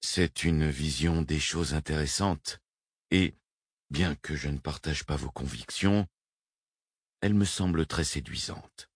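A man reading the lines of a male spaceship commander who speaks gently, neutrally and carefully. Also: extremely low pitch, a little slow, breathy edge, dry recording, clean studio sound, exaggerated voice. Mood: measured.

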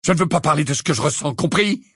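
Harry: a man doing a raging, shouting teenage boy. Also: medium pitch, sing-song, normal speed, vocal fry, husky, dry recording, clean studio sound, full character voice. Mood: furious. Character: grieving teenage boy wizard, furious. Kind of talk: audiobook character voice.

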